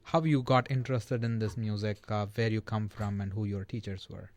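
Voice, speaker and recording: A man's voice: fairly low pitch, fairly even intonation, normal speed. A man hosting a radio interview in a studio, speaking hesitantly with many fillers. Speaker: radio host. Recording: dry studio sound.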